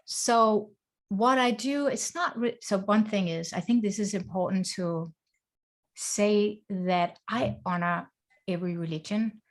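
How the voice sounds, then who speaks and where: An earnest Danish woman, a life coach, is a guest in a conversational interview recorded over a video call. Her mid-range voice moves a little slowly, and she speaks reflectively in short phrases.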